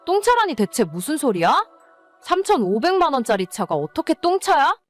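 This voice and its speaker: A woman's voice: high-pitched, big pitch swings, normal speed, dry recording, faint music behind. A woman playing an exasperated, nagging wife in a scripted dramatized story. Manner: nagging, scolding. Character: exasperated, scolding wife of an irresponsible husband. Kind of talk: scripted story narration and dialogue.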